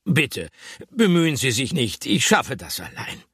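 A man voicing a courteous, apologetic gentleman who speaks formally. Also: medium pitch, sing-song, unhurried, breathy edge, no echo, clean studio sound, pitched above the performer's own voice, full character voice. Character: polite apologetic deep-voiced man.

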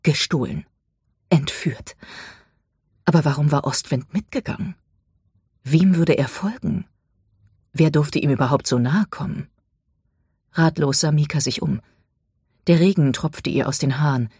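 An audiobook narrator reading a dramatic story, dropping to a hush at tense moments. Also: mid-range voice, unhurried, pauses often, husky, no room sound, studio quality.

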